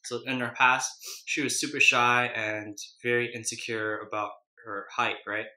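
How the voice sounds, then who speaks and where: A man's voice: mid-range voice, flat delivery, normal speed, bright, forceful tone. A man casually chatting as a mukbang host, chewing and eating while he talks. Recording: roomy, echoey indoor sound.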